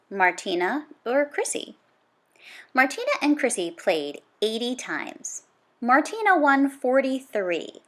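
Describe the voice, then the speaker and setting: This storybook reader, a woman with a slightly high voice and very lively intonation, presents children's nonfiction dramatically, using emphatic exclamations and drawn-out words to make points stand out.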